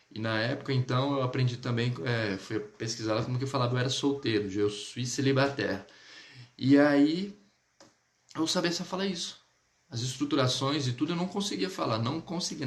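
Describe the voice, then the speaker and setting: A chatty Brazilian man with a Brazilian Portuguese accent teaches French in a relaxed live online class. He repeats phrases slowly so listeners can practice along. His mid-pitched voice carries a roomy echo.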